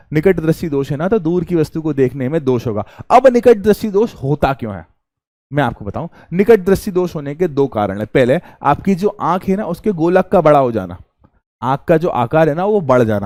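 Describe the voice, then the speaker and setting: A young male teacher giving a calm, chatty lecture, often asking a question and answering it himself. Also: fairly high pitch, no room sound, clean studio sound. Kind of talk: classroom lecture.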